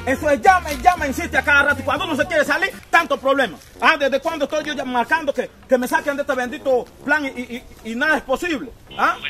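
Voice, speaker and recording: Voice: high-pitched, bright, forceful tone. Someone playing Tío Tulio, a hot-tempered uncle. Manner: stubborn, insistent, raises voice in bursts. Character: hot-tempered older uncle fighting a phone company. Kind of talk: comedy sketch.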